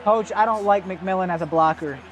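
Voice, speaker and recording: A man's voice: sits high, fairly quick. A young man streaming a football video game, chatting casually with viewers, swearing often and greeting them by name. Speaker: gaming streamer. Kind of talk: casual live gameplay commentary.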